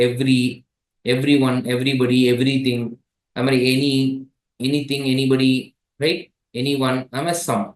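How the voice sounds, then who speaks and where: A man's voice: medium pitch, echoey room, poor audio. A man teaching an exam-prep grammar lesson with a Tamil accent, switching between languages and often checking in with his students. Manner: mixes languages, checks in with "right?".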